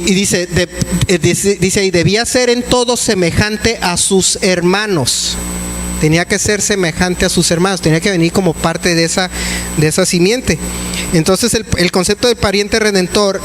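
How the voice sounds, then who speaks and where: A male pastor with a high voice gives a casual, chatty sermon and often stops to restart his sentences. A faint hum runs underneath his voice. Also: low-quality recording. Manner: conversational, many restarts and fillers.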